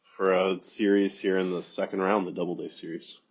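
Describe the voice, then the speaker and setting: A man's voice: low voice, flat delivery, moderate pace, vocal fry, slightly rough. A man with a cold, sounding congested and nasal, chatting as a podcast guest. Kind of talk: casual chat.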